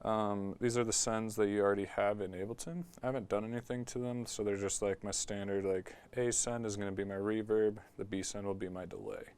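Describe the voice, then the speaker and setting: A man's voice: fairly low pitch, brisk, hardly any pauses, clean tone. A man casually walking through a music production tutorial in his studio, talking into a talkback mic with lots of "like" and "um". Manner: relaxed, filler-heavy explaining with frequent "like" and "um".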